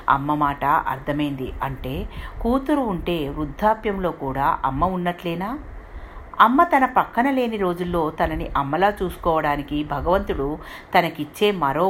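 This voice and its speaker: Low-voiced woman telling a story. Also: a bit bright, a little hiss or hum. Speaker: narrator. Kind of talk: storytelling narration.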